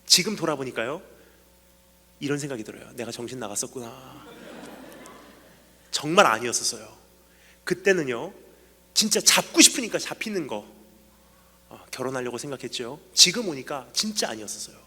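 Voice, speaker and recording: Middle-aged male missionary preaching at a revival, bright carrying voice that leaps from hush to shout, church hall reverb. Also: medium pitch, big pitch swings, brisk, long pauses, husky. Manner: acts out quoted voices, swings from hushed to shouting. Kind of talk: revival sermon. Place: church sanctuary.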